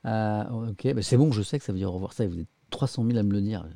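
A man's voice: fairly low pitch, fast, vocal fry, warm tone, no echo. A man hosting a live stream in a chatty way, thinking aloud and poking fun at himself. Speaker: live-stream host reading the press. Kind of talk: casual live-stream chat.

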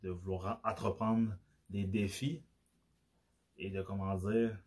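A man's voice: on the low side, fairly even intonation, takes it slowly, darkish tone, breathy edge. A man with a Québécois accent, hosting his own podcast in a casual, hesitant monologue full of restarts and fillers. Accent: Québécois French. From Quebec. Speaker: podcast host.

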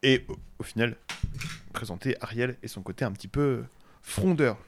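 A man's voice: mid-range voice, normal speed, a little hiss or hum. A man with a French accent chatting casually on a podcast, rambling with restarts and humming tunes. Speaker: podcast co-host. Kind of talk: casual chat about film music.

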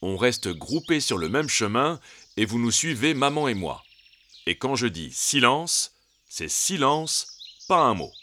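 A man's voice: mid-range voice, sing-song. A man voicing a cheerful, joking father boar in a storybook. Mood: firm. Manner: slow, bright, playful put-on voice. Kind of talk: storybook reading.

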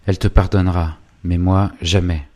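Male reader as a proud young nobleman, stern and curt, low dark voice, storybook reading. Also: steady tone, moderate pace.

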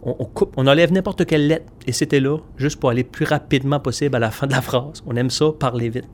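A man's voice: medium pitch, fast talker, a little hiss or hum. A man with a Magdalen Islands French accent, telling stories in a casual interview, hesitant with many fillers and restarts. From Magdalen Islands, Quebec. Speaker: interview guest.

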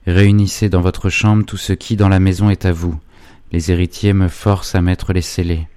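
A man playing an upright older magistrate, speaking with forceful, declamatory authority. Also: low-pitched, little pitch movement, moderate pace, clean tone, dry recording, close to an everyday voice. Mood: gentle.

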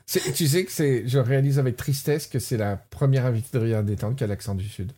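A man's voice: medium pitch, brisk. A man hosting a podcast in casual chat, teasing his guests and laughing a lot. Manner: laughing, teasing, lively banter. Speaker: podcast host.

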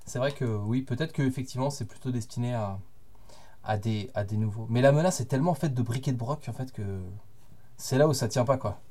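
A man co-hosting a podcast, explaining his view in measured casual chat with hesitant fillers. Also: mid-range voice, dark tone. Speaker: podcast co-host.

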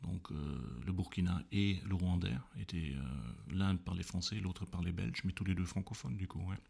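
Gravelly low-voiced man. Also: normal speed, a little mellow. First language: German. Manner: hesitant, many fillers and restarts while recounting. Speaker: guest. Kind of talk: interview conversation.

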